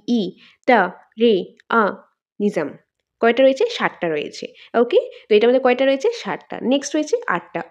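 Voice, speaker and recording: A woman's voice: on the high side, darkish tone, muffled recording. Woman teacher drilling syllables aloud. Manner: drills syllables aloud, asks and answers own questions. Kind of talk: exam-prep lesson.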